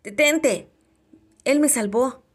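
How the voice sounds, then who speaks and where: A woman reading a storybook voicing a battered schoolboy who talks in an earnest, hurried way. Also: sits high, slightly rough, voice pushed up, full character voice. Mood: urgent. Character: battered schoolboy, shaken but eager.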